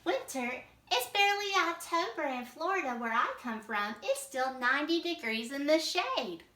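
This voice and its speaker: A woman voicing a cheerful young male alligator, speaking in an excited, high, drawn-out way during a read-aloud. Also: heavily acted. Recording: echoey room, mic at a distance.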